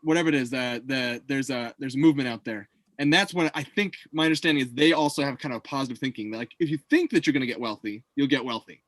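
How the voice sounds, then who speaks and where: A man's voice: medium pitch, quick pace, hardly any pauses, fairly bright tone, no echo. A man hosting a casual chat, rambling with many fillers and restarts. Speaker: host.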